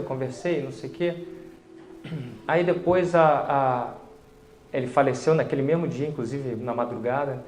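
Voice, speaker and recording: A man with a Brazilian Portuguese accent telling a personal faith story in a lively conversational way, acting out the dialogue as he goes. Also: a little high. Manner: conversational, animated retelling with quoted dialogue. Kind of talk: storytelling testimony. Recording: roomy echo.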